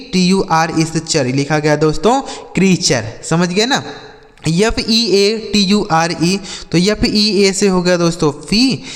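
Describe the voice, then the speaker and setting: Male online English tutor, high pitch, patient letter-by-letter spelling, echoey room. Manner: spells words letter by letter slowly, repeats quiz questions. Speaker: English teacher. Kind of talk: spelling-out reading lesson.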